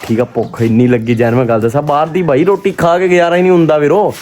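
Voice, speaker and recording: A man with a Pakistani Punjabi accent chatting casually to his vlog viewers, expressive and often repeating himself. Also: a little high, quick pace. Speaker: vlogger.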